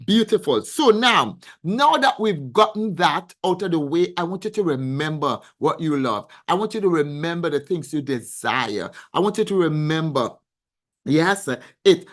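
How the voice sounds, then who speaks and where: A woman financial coach hosting a weekly live stream, reading viewers' comments aloud and answering each one with a stream of yeses and praise. She gets excitable, and her voice leaps upward when she does. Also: lowish voice. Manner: effusive, showers comments with repeated yeses and praise.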